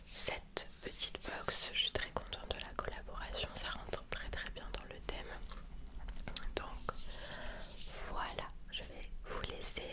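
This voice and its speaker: A woman with a cold whispers a soft, unhurried ASMR sponsored product read, gently presenting an unboxing. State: has a cold and sore throat. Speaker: ASMR video creator presenting a sponsored box.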